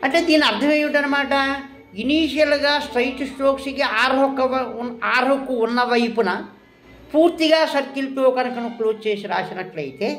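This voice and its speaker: Female shorthand teacher with a high voice, quizzing in a classroom style; roomy echo, light music bed. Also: fairly quick. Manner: quizzing, asks questions and answers them herself. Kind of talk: classroom lesson.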